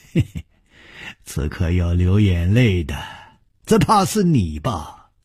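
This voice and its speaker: A man's voice: high-pitched, sing-song, takes it slowly, breathy edge, pitched above the performer's own voice, heavily acted. A man doing a cackling, sneering old villain. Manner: sinister cackling laughter.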